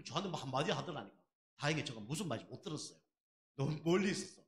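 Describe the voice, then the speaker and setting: Animated man preaching in an echoey church. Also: fairly high pitch, very fast. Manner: conversational preaching with rhetorical questions. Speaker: pastor. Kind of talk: sermon.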